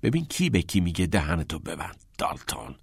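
A man's voice: deep voice, wildly swooping pitch, vocal fry, husky, no echo, studio quality, voice pushed down, heavily acted. A man voicing a nervous, rule-abiding teenage schoolboy who sounds anxious and defensive.

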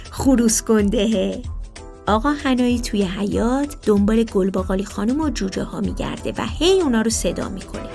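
A woman narrating a children's story in a gentle, expressive way. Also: medium pitch. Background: music.

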